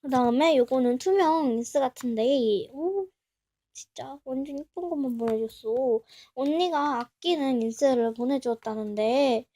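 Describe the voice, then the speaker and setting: High-voiced young woman gushing over an unboxing. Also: measured pace. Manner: chatty, gushing and excitable, talks to herself. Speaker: vlogger. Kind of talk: casual unboxing chat.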